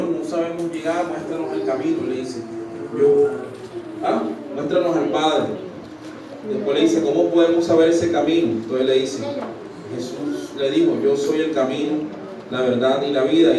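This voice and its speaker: Man, preacher, sermon, slightly high voice, distant mic, echoing hall, noisy room. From Colombia. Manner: asks the congregation "right?" often, breaks off and restarts. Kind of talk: church sermon. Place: church hall.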